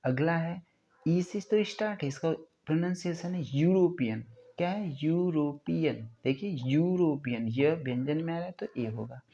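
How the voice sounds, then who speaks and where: A man teaching an English grammar lesson step by step, often asking his students whether it is clear and drawing out sounds slowly to show pronunciation. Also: fairly high pitch, animated, dark tone, dull audio.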